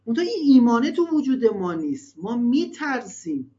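A man's voice: very high voice, big pitch swings, warm tone. Guy counseling parents on faith, earnest and emphatic, kinda muffled lo-fi sound. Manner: earnest, emphatic, rhetorical questions. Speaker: religious family counselor. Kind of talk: advice talk to parents. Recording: dull lo-fi recording.

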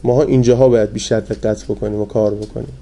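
A man preaching a sermon in a colloquial storytelling manner. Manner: colloquial storytelling with lively pitch swings.

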